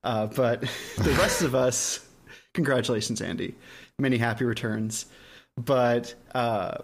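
A man's voice: medium pitch, unhurried, a little hiss or hum. A man hosting an anime podcast in casual chat, joking and laughing often. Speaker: podcast host.

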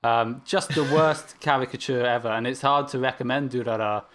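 A man with a medium-pitched, steady, slightly bright voice talks at normal speed as a podcast co-host discussing anime. It's a casual chat, rambling with many fillers and restarts, and he's blunt about what he dislikes.

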